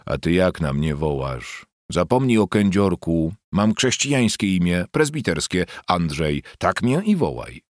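A man reading an audiobook, voicing a sulky middle-aged village priest who grumbles slowly and sullenly. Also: low voice, very animated, dry recording, clean studio sound. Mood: grumbling.

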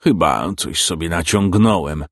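A man reading a world-weary male private detective in an audiobook, dry and deadpan. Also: low-pitched, unhurried, dry recording.

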